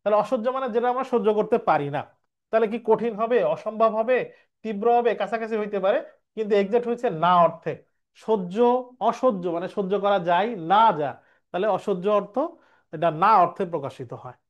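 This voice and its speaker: Male tutor, high voice, quizzes then answers himself, dull lo-fi recording. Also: moderate pace. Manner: explains step by step, asks and answers own questions. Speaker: Bengali language teacher. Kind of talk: exam revision lecture.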